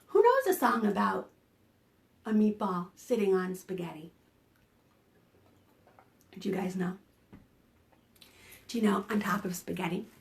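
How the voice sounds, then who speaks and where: Reading aloud to preschoolers at storytime, a female children's librarian performs expressively and prompts the kids with questions. Her mid-range voice has lively intonation and vocal fry, and she takes her time, pausing often.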